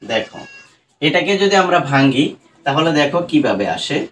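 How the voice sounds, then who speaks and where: A man's voice: on the high side, animated, moderate pace, a bit bright, slight background noise. A man teaching English pronunciation in Bengali with a Bangladeshi accent, spelling words out letter by letter and often asking "right?" as he goes. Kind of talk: online pronunciation lesson.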